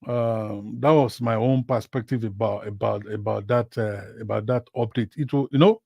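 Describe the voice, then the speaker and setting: A man's voice: on the low side, normal speed, vocal fry, dry recording, studio quality. A man chatting casually about football and reading out viewer comments. He often asks himself "what?" and then answers, and he repeats words and phrases with many fillers. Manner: animated, with big swings in loudness.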